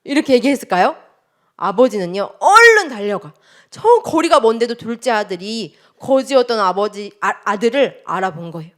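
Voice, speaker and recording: A woman teaching a children's sermon, telling a story and asking the children many questions in a lively, expressive way. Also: mid-range voice, moderate pace.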